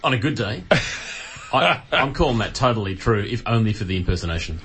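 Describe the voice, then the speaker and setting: A man's voice: lowish voice, lively intonation, brisk, fairly bright tone. An Australian man bantering casually as a panelist on a science radio show, with faint background noise.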